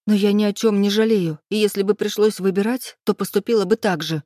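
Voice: mid-range voice, steady tone, normal speed, a little mellow, dry recording, clean studio sound, pitched above the performer's own voice, natural voice. A reader voicing a guilty, tearful middle-aged mother in an audiobook. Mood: distraught. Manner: pleading, tearful. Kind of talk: audiobook character voice.

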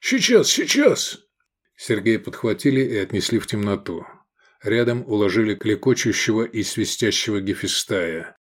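A man narrating an audiobook in a steady, measured reading. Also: fairly low pitch. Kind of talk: scripted narration.

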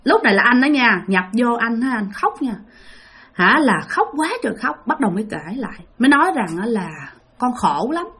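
Animated woman storyteller. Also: on the high side, moderate pace, husky. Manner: animated, addresses listeners directly. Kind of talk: spoken ghost story telling.

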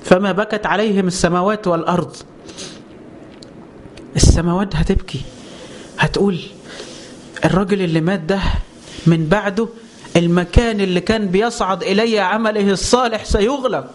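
A man's voice: high-pitched, brisk, long pauses, a little hiss or hum. A man with an Egyptian Arabic accent preaching a religious lesson, firing rhetorical questions and answering them himself with passion.

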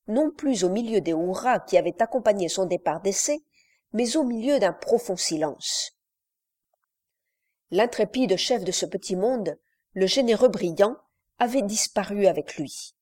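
A woman narrating a classic novel aloud in a measured, literary reading style. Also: medium pitch, mellow. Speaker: audiobook narrator. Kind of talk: scripted narration.

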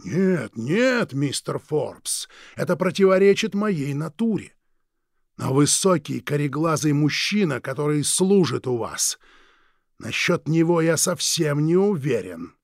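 Audiobook villain, male, slow and sneering , put on by a male reader; gravelly, raised pitch, dry close sound. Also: very animated, no room sound. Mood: mocking. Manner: slow, drawn-out, sneering politeness. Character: sinister smooth-talking male villain, menacing, mocking. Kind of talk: audiobook reading.

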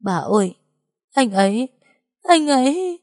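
A woman's voice: medium pitch, moderate pace, no echo, studio quality, pitched above the performer's own voice, natural voice. A woman voicing a young wife crying out in tearful, desperate pleas. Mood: desperate pleading. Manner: pleading, tearful cries. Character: young wife, frantic and grief-stricken.

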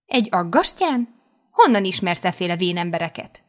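A woman voicing a nosy, excitable teenage schoolgirl who keeps pressing with questions in an audiobook. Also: lowish voice. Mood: prying. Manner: insistent, prying questions. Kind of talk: audiobook character voice.

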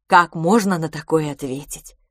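A timid, easily flustered governess, as a woman puts her on in an audiobook, faltering and breathless. Her voice is low and husky, heard close and dry. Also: moderate pace, dry recording.

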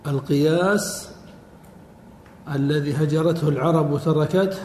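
A man teaching a classroom lecture, drawing out words slowly and quizzing his students. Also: on the high side, fairly even intonation, mellow. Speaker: teacher of Arabic morphology. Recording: echoey hall with faint noise.

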